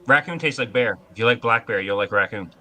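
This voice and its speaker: A man's voice: medium pitch, fast talker, bright, forceful tone. A man telling casual, folksy outdoor stories in a blunt, rambling anecdotal way. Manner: folksy hunting-yarn telling.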